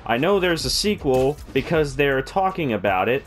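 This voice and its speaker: A man doing casual, jokey let's play commentary, reacting out loud to a video game. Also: medium pitch, big pitch swings, normal speed. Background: video game audio and music.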